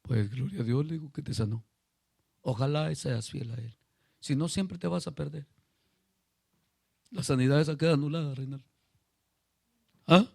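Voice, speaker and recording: A pastor preaching a sermon to a small congregation, calling on listeners by name and asking them questions. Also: male voice, fairly high pitch, moderate pace, vocal fry, long pauses, warm tone, no echo, clean studio sound. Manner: retells a story acting out voices.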